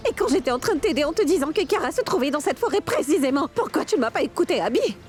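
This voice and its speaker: A high-pitched, lively young mother in a dubbed television drama. She speaks urgently and with reproach. Faint music runs under her lines. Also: very fast. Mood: reproachful. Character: determined young mother searching for her daughter. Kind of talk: French dub of a TV drama. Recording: soft music under dialogue.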